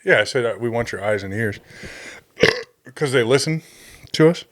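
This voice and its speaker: A man's voice: mid-range voice, animated, moderate pace, fairly bright tone. A man co-hosting a podcast, teasing and laughing through casual banter. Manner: playful, teasing, laughs a lot. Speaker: podcast co-host.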